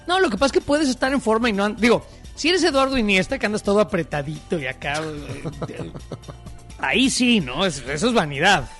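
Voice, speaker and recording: A high-pitched man with a Mexican accent trades jokes as co-host of a loose, slangy chat. Faint music plays softly behind him. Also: a little fast. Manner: joking, lively, slangy. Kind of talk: casual comedic chat.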